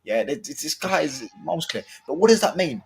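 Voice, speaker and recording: A man in a heated casual debate, arguing forcefully and repeating himself to take the floor. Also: a little high, big pitch swings, a little fast, gravelly, husky. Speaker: stream panelist.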